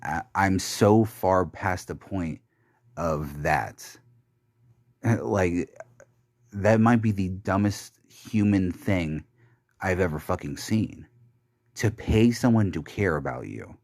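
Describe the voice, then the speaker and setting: With clean studio sound and no room sound, a young man records a confessional podcast monologue, his low, somewhat mellow voice rising and falling in lively intonation. He's bitter and rambling, swearing often and halting with many fillers and restarts.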